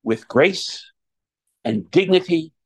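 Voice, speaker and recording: Measured male priest giving a homily. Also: on the high side, animated, husky. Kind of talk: homily and Gospel reading.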